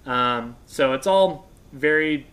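Taking it slowly, this American radio expert in his thirties speaks with a medium-pitched, fairly bright voice. As a guest instructor on a couch in an indoor workshop room, he explains informally in a conversational manner.

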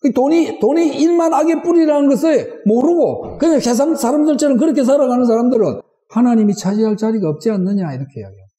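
A middle-aged pastor preaches with a high yet mellow, dark voice and presses his point with rhetorical questions. His words ring through an echoey church sanctuary with a long tail of reverb. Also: lively intonation, quick pace, hardly any pauses. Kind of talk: sermon.

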